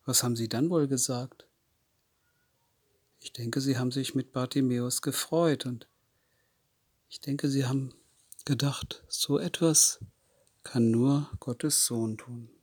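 A man tells a Bible story to children at an unhurried, deliberate pace. He keeps pausing to ask his young listeners questions. The recording is dry, with no room sound. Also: medium pitch, fairly even intonation, darkish tone, husky, no echo.

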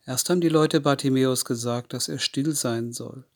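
A man's voice: mid-range voice, moderate pace, dry recording, studio quality. A man telling a Bible story to children, often stopping to ask them questions. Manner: asks the listening children questions.

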